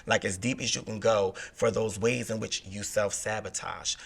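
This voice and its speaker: A man in his thirties, a therapist, explaining things in a relaxed podcast chat and asking rhetorical questions. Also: on the low side, moderate pace, gravelly, breathy edge. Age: 30s. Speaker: therapist guest.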